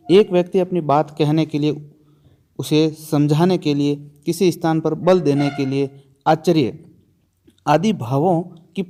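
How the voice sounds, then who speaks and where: Leaning high in pitch, the man's voice has a dark quality. He teaches grammar ahead of an exam, firing questions at his students, answering them himself, and driving home the key terms by repetition.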